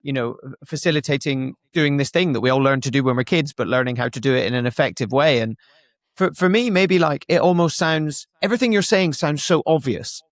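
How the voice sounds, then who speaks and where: A man's voice: fairly high pitch, a little fast, no echo. A man hosting a podcast, asking long rambling questions with many restarts. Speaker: podcast host. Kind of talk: casual interview questions.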